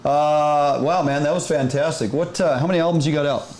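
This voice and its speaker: A man's voice: a little high, steady tone, fairly quick, darkish tone. A man hosting a talk show, chatting in an upbeat, easygoing way and affirming his guest. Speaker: host. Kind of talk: casual talk show chat.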